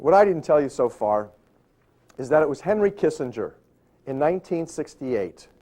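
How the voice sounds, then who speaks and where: A middle-aged man speaking to a live audience, telling a story with lively acted-out dialogue. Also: fairly high pitch, moderate pace. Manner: animated storytelling, acting out dialogue.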